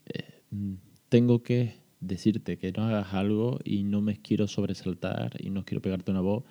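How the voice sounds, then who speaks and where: On a dull, lo-fi recording, a parenting podcast host with a deep, very dark voice offers a casual, reflective monologue. His explanations come in a patient, chatty style with frequent fillers and restarts.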